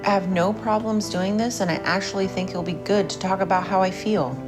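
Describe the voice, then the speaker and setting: A woman's voice: medium pitch, fairly even intonation, fairly quick, music in the background. A woman from Portland, Oregon, speaking candidly in a reality show confessional. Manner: candid, downbeat. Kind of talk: confessional interview.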